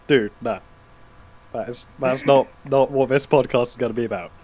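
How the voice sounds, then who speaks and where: A man's voice: medium pitch, fairly even intonation, moderate pace, darkish tone. Wry British man on a podcast. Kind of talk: casual group chat.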